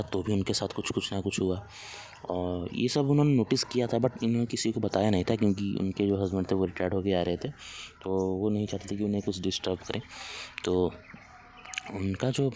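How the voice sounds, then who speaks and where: A man casually telling a spooky story, halting often with fillers and restarts. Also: sits low, a little mellow. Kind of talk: casual spoken horror story.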